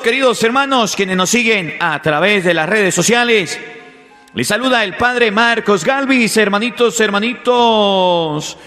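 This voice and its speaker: High-voiced priest preaching slowly. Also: male voice, a bit bright, long reverb tail. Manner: emphatic, repetitive, fatherly address to listeners. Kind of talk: daily Gospel sermon.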